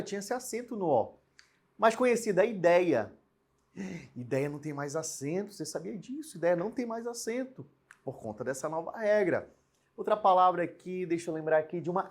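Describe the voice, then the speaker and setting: A young man teaching a recorded online grammar lesson, explaining in a lively way and often checking in with rhetorical questions. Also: a little high, fast talker.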